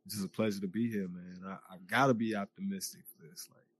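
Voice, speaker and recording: A man's voice: fairly low pitch, steady tone, fast talker, breathy edge. A man from the United States, a podcast guest, chatting casually and emphatically through a VR headset mic in a virtual space. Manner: emphatic, talks loosely with fillers. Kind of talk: casual chat. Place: virtual reality social space.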